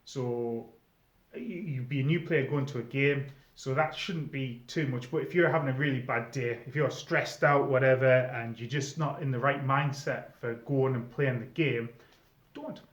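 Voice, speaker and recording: A middle-aged presenter talks at a moderate pace in a medium-pitched voice, explaining things to newcomers informally. Formerly a game storyteller, he's delivering an advice video monologue. The audio is echoey and slightly dull.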